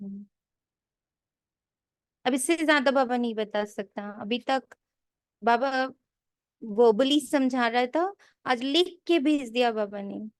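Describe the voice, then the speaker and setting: A woman spiritual teacher giving a sermon, slowly repeating key lines for emphasis and mixing in English phrases. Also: fairly high pitch, no room sound, clean studio sound. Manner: mixes English phrases into her talk. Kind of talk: sermon explaining a daily scripture reading.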